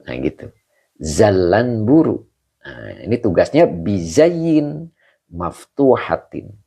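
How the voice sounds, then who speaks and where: Slow, deep-voiced ustadz teaching grammar live. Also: male voice, very animated, creaky, warm tone, husky. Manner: slow, repeats terms, drawn-out Arabic words, many "nah, begitu ya". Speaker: ustadz teaching a live online study session. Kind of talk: kitab grammar lesson, live stream.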